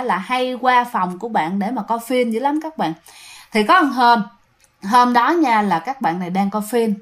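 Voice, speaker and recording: Woman narrator, slightly high voice, casual ghost-story telling, talks straight to listeners. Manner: chatty, addresses listeners directly.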